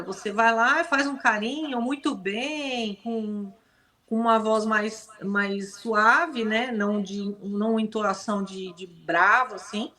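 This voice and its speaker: A woman's voice: mid-range voice, pushed and bright. Brazilian woman giving casual dog advice. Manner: explanatory, uses many tag questions. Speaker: guest, dog breeder. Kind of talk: casual advice in a live interview.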